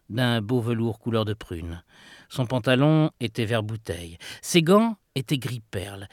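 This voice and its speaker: Man, audiobook narrator, mid-pitched, expressive storytelling, dry close recording. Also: no echo. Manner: expressive storytelling with dramatic rises and hushed asides.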